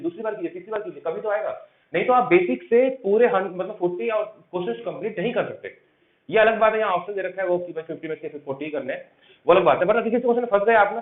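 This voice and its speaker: A man teaching math step by step for an exam, asking questions aloud and answering them himself. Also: sits high. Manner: explains quickly, asks and answers his own questions. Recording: echoey room over a phone-like mic.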